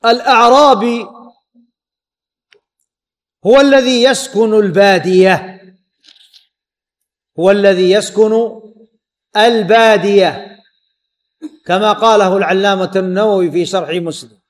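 Man, hadith teacher, high-pitched, repeats key terms, asks the class questions. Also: measured pace, long pauses. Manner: repeats key words and quizzes students with "what?". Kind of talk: Islamic lesson explaining a hadith.

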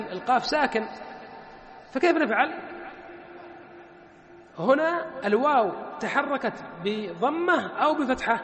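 A man teaching Arabic word patterns, slowly repeating words and asking and answering his own questions. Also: extremely high pitch, fairly bright tone. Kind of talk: classroom lesson with questions to students. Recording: echoey room with long reverb.

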